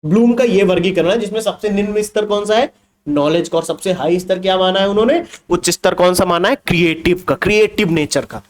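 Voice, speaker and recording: A young male teacher leads an online exam revision class with a fairly high voice. He teases his students, keeps asking whether they understand, and slips English terms into his explanations. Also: a little fast. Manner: lively, teasing, mixes Hindi with English terms, asks students questions. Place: indoors with a laptop.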